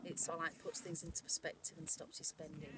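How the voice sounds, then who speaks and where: A woman's voice: low voice, flat delivery, fast. Cheerful, joking woman over background noise. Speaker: meetup guest. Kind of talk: casual chat.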